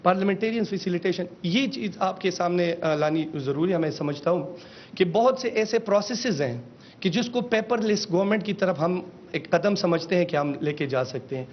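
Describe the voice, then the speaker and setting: A man, a government official giving a formal press briefing on a system, mixing in English phrases and calling out each slide. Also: lively intonation. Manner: mixes in English phrases, calls out slide changes. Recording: dull lo-fi with faint rumble.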